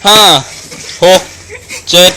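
A man doing excited Muay Thai boxing commentary, full of exclamations and rapidly repeated phrases. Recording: noisy live event recording.

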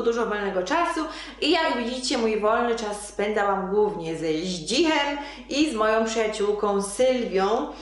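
A woman's voice: fairly high pitch, heavy reverb. A young adult woman vlogger reading her old diary aloud to viewers in a casual, chatty way. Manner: chatty, addresses viewers directly, reads entries with amused emphasis.

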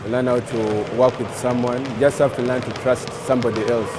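A man's voice: mid-range voice, little pitch movement, fairly quick, noisy background. A man, a basketball coach, talking earnestly in a documentary interview about teaching young players.

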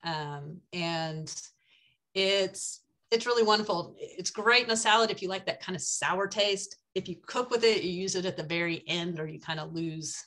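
A woman's voice: fairly low pitch, normal speed, a bit bright. Chatty older woman on a video call. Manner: chatty and enthusiastic, frequent ums. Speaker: foraging guide. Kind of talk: casual presentation over slides. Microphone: webcam on a video call.

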